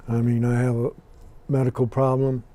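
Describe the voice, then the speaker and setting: A man's voice: mid-range voice, monotone, moderate pace, mellow. A man in his sixties with an American accent, born in Scotland and raised in Ireland, answering interview questions in a plainspoken, dry way. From born in Scotland, raised in Ireland and Los Angeles. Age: 60s. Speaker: interview guest.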